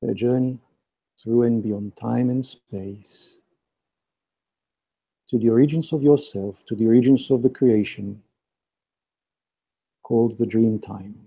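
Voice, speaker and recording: Man, guided meditation, very dark mellow tone, hushed and soothing, some creak. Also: mid-range voice, slow pace, long pauses, dull audio. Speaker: meditation and live channeling leader.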